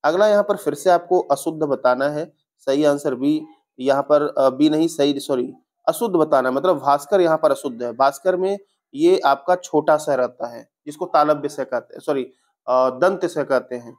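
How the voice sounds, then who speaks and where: A man's voice: a little high, normal speed, a little mellow. A young male teacher walking through exam spelling answers step by step in an online lesson, often correcting himself mid-sentence.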